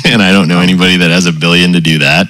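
A man hosting a community call through a voice changer that pitches his voice very deep, chatting casually and checking in with "right?" and "you know". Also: fast, no echo. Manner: relaxed, explains with frequent "right?" and "you know". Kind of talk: casual chat.

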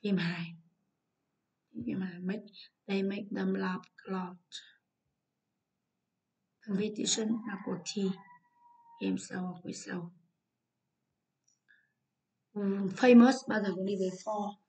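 A woman with a Vietnamese accent teaches English, walking through an exam answer by answer. Her voice sits at a middle pitch with a gravelly edge. She explains patiently and slips English words into her sentences. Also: steady tone, takes it slowly, long pauses, dark tone. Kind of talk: exam walkthrough lesson.

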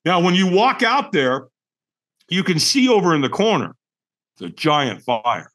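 A man's voice: on the high side, sing-song, unhurried, a bit bright. A middle-aged man, a podcast guest, telling a personal story in an emphatic, colorful and profane way, acting out his own thoughts.

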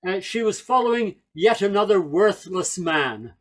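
Speaking unhurriedly in a high, expressive voice, this folk singer and speaker tells wry, chatty stories. He's an older man from Northern Ireland who grew up in England, talking over a video call on a headset mic from a small room in his home.

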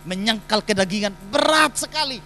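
A man's voice: high-pitched, expressive, moderate pace, gravelly, bright, forceful tone, slight background noise, low-quality recording. A man, preaching a sermon in a church and putting emphatic rhetorical questions to the congregation. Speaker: pastor.

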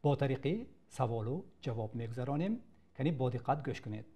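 Male Tajik teacher, mellow tone, patient classroom drill with praise. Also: medium pitch, animated, husky, lo-fi sound. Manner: addresses students, praises answers. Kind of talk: classroom grammar lesson.

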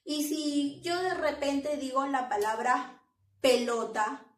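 A woman teacher giving a children's lesson, speaking slowly and clearly and clapping out each syllable. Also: high voice, fairly even intonation, reverberant, far from the mic, noisy background. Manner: slow, clear classroom delivery with claps.

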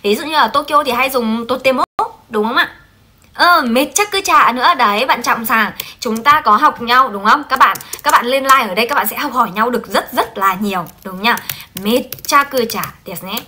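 A woman teaching a Japanese translation class on a livestream, lively and coaxing, often checking in with her students. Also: a little high, moderate pace.

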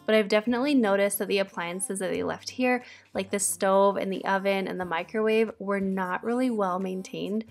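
A woman, chatting casually in voice-over about cleaning her home and asking viewers for advice. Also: medium pitch. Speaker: cleaning vlogger. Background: faint background music.

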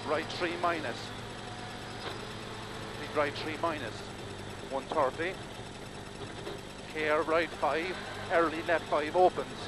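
Casting: male rally co-driver, clipped pace-note delivery, even pitch, recorded in-car under heavy engine din. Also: takes it slowly, long pauses. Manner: terse, clipped calls of directions and numbers. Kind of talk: rapid rally pace notes. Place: inside a rally car at speed on country lanes. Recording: very loud car engine noise. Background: loud engine and vehicle noise.

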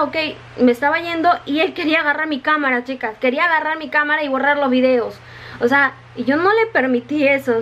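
A woman's voice: high voice, a bit bright, highs cut off, a little hiss or hum. A woman in casual vlog talk, chatty and repeating her words, often calling her viewers "chicas", still wet from the rain. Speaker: vlogger. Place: her home in Japan.

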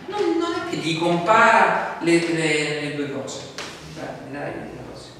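A man preaching a sermon as pastor, conversational and animated, acting out quoted dialogue with asides. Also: a little high, measured pace, slight background noise. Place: church sanctuary. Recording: echoey church hall from far off.

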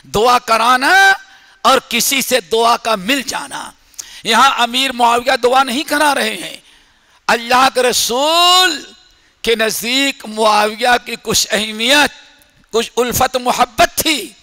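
High-voiced preacher in an echoey mosque. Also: male voice. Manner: dramatic storytelling, swinging from whispers to shouts. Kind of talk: sermon. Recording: echoey hall reverb.

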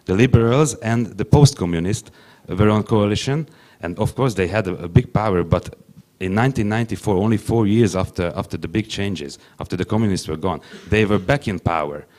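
On a conference panel, a young Hungarian man speaks halting English into a handheld mic, restarting again and again. His voice is lowish and a little mellow.

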